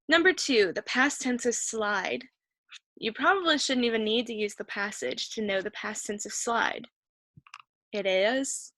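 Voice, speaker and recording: Encouraging woman teacher, higher voice. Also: creaky, a bit bright, no echo. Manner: patient, encouraging, thinks aloud while searching. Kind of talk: reading comprehension lesson.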